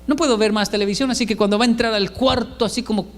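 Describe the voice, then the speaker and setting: A man's voice: sits high, quick pace, in a large hall. A man, telling comic stories about his sons and acting out their dialogue. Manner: animated, acts out dialogue. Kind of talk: comedic storytelling monologue.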